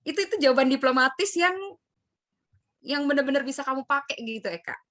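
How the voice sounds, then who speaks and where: A woman's voice: sits high, expressive, fast talker, a bit bright. A woman hosting a casual career talk, chatting and acting out example interview answers. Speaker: host. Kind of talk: casual advice chat.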